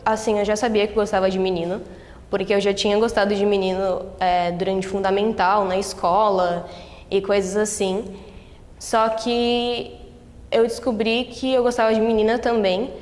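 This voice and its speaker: Brazilian girl 18, hesitant slow talk, mid pitch, reverby room. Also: darkish tone. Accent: Brazilian Portuguese.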